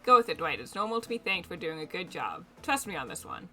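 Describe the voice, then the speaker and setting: This young woman talks fast with a fairly low, sharp voice that swings widely in pitch, faint music playing behind her. Streaming a dating game, she chats casually, reads the on-screen text aloud, and giggles between lines.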